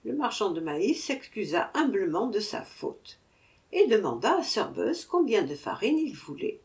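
Slow, lively woman storyteller. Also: mid-range voice. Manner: expressive, unhurried. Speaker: narrator. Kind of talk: storybook narration.

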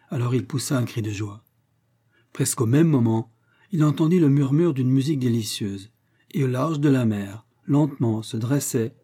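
Husky-voiced man reading a tale. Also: mid-range voice, dark tone. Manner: measured, literary narration. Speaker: narrator. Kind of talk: storybook reading.

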